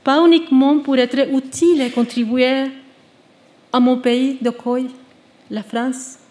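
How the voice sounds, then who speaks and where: A woman's voice: high-pitched, steady tone, a little mellow. Earnest woman reading a speech. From Venezuela. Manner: measured and earnest, with small restarts. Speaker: exiled researcher giving a testimony. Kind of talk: prepared speech read to an audience. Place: stage at a live public event.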